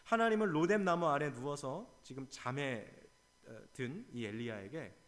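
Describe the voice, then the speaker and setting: A man's voice: mid-range voice, normal speed. A male pastor preaching an early-morning sermon, telling the story with feeling and acting out the voices in it. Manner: animated, acts out quotes dramatically.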